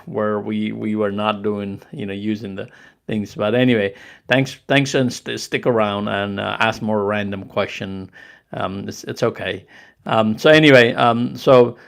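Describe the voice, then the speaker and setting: An older man with a Nepali accent hosts a casual live stream and chats straight to his viewers. His voice sits low and has a gravelly edge. He keeps stopping and restarting his phrases, with lots of fillers along the way. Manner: halting, many restarts and fillers.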